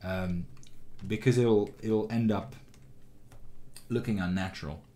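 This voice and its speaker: A man teaching animation, giving a calm, encouraging critique of a student's shot with frequent ums and restarts. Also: fairly low pitch, slow, slight background noise. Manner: calm, encouraging, many fillers. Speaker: animation instructor. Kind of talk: recorded critique of student work.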